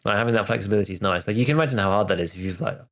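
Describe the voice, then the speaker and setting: Low-voiced man in laid-back podcast chat. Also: rapid-fire, fairly bright tone. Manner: loose and hedging, many "like" fillers and restarts. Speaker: podcast co-host. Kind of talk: casual chat.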